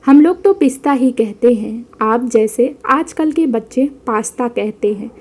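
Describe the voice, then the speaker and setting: An innocent young village bride who takes every word literally, speaking in simple, rustic phrases, as a woman narrator puts her on. The voice sits fairly high and sounds mellow. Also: measured pace. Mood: earnest. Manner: simple rustic speech, earnest.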